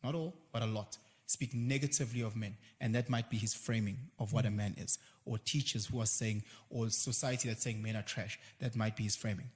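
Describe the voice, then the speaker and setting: A South African man talking in a casual conversation as a guest, animated and slipping into quoted voices now and then. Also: lowish voice, a little fast, hardly any pauses, long reverb tail.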